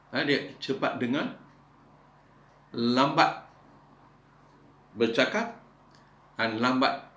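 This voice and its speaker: A middle-aged man preaching a sermon, swinging between loud emphatic exhortation and soft low asides. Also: echoey room.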